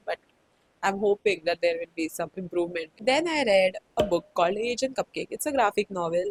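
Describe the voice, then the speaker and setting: A woman's voice: medium pitch, breathy edge, rough recording. A woman with an Indian accent chatting casually about books she read, full of "like" fillers and slipping into Hindi phrases now and then. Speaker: book vlogger. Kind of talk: casual book review chat.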